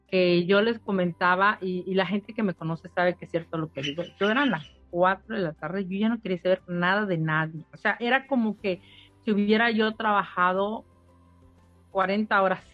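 Woman, middle-aged, chatty testimonial, repeats herself, mid pitch. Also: dry recording. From Mexico. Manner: emotional storytelling, repeats phrases. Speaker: spa owner giving a testimonial. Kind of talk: casual testimonial interview. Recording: dull lo-fi sound with faint music.

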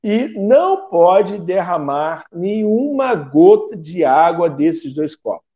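A man voicing a calm, patient pastor giving a challenge. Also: sits high, takes it slowly, dull audio, heavily acted.

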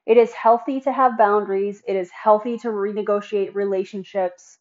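A young woman hosts a solo podcast, talking to her listeners in a chatty, upbeat way. Her voice sits at an ordinary pitch, and the recording sounds slightly dull and lo-fi. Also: steady tone, normal speed, darkish tone. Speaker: podcast host.

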